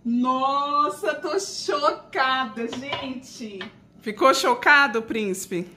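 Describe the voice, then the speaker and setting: A Brazilian woman hosting an excited unboxing vlog, gushing and exclaiming as she chats to her viewers. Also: sits high, extremely slow, echoey room, distant mic, a little hiss or hum. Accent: Brazilian Portuguese. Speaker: channel host.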